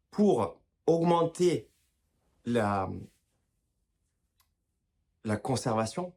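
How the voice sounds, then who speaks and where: A health and wellness video creator gives casual advice straight to camera, speaking informally to his viewers and often restarting sentences. His mid-range voice is a little mellow, and he apologizes for his own pronunciation.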